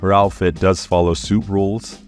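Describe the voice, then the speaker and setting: A man's voice: low-pitched, flat delivery, normal speed, faint music behind. A young adult man hosting a comedic video, talking through design ideas with a dry, joking delivery. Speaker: YouTube host. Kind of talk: comedic commentary vlog.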